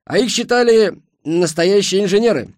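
A man's voice: high-pitched, normal speed, no echo, voice pushed up, natural voice. A man voicing an old male machinist who speaks in a dry, knowing, matter-of-fact way. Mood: wry.

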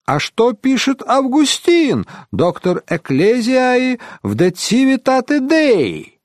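A man's voice: very high voice, wildly swooping pitch, takes it slowly, no echo, studio quality, voice pushed up, full character voice. A man voicing a boastful, drunken pilgrim showing off his learning in an audiobook. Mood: zealous. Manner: exclaiming, bookish show-off.

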